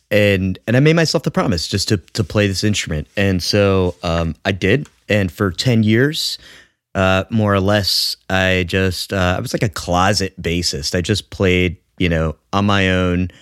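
Low-voiced man, halting with fillers. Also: a bit bright, clean tone, dry recording, studio quality. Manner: halting, many fillers and restarts. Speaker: guest bassist. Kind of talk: casual podcast chat.

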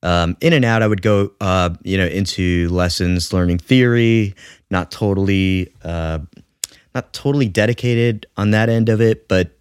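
Low-voiced man, halting with fillers. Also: clear, resonant tone, dry recording, studio quality. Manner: halting, many fillers and restarts. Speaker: guest bassist. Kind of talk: casual podcast chat.

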